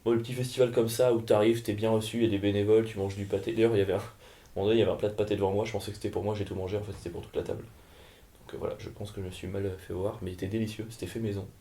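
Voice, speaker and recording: A man's voice: fairly low pitch, flat delivery, very fast, dark tone. A man, a comedian co-hosting a podcast, chatting casually and telling rambling, joking anecdotes. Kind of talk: casual banter and storytelling.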